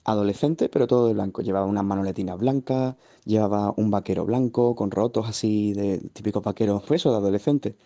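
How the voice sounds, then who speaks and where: A man's voice: lowish voice, brisk, hardly any pauses, mellow. A man from Seville, telling a personal story in a vivid, meandering way with asides. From Seville, Spain. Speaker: guest.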